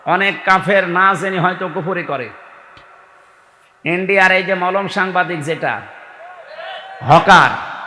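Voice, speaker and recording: A male preacher, delivering an impassioned waz sermon in a somewhat high voice. He raises it to shouts when quoting scripture. The sound is roomy, with a long hall echo. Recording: echoey hall with long reverb.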